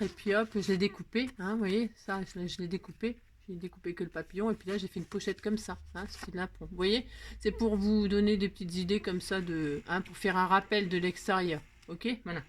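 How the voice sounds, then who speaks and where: A woman's voice: medium pitch, fairly even intonation, fairly quick, slight background noise. A woman hosting a chatty crafting tutorial, rambling and self-mocking, talking to herself as she works. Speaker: craft video host.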